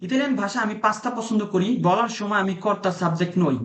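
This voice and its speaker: A man with a high, light voice teaches an online Italian class. He repeats phrases slowly and quizzes his students. The call sounds roomy and echoey. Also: fairly bright tone. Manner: asks students questions. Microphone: video call.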